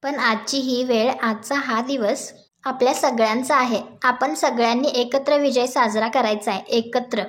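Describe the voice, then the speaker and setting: A woman voicing a gentle, modest young village wife in a plain reading voice, humble and earnest. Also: on the high side, steady tone, normal speed, lightly acted.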